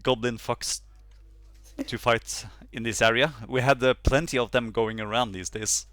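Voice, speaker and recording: A man's voice: medium pitch, fairly even intonation, unhurried, a bit bright, no room sound, natural voice. A man voicing a male halfling innkeeper, a proud family patriarch who hesitates and stalls with many fillers. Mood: hospitable, reluctant.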